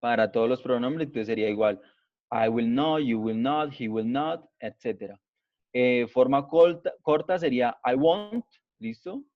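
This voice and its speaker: Guy teaching a class online, slow patient explaining, keeps checking in, dull muffled audio. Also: mid-range voice. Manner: slow, patient, repeats "¿listo?" after each point. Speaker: English teacher.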